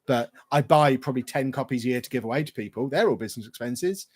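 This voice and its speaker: On a casual livestream Q&A, this YouTuber chats and rambles at a quick pace, reading his viewers' questions out loud. His mid-range voice has a darkish tone and a breathy edge.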